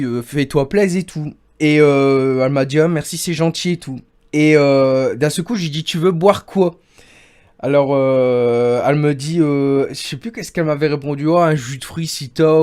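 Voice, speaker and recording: A man's voice: on the high side, a little mellow. A man casually telling a long rambling story to a friend on a livestream, padding it with the same filler phrases over and over. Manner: rambling, keeps repeating "en gros" and "et tout".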